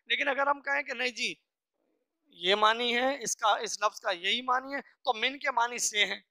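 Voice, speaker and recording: A religious teacher giving a scripture lesson, slowly reciting each phrase and then explaining it piece by piece, often asking and answering their own questions. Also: mid-range voice, bright, forceful tone, no room sound, studio quality. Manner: earnest, instructive, asks and answers own questions.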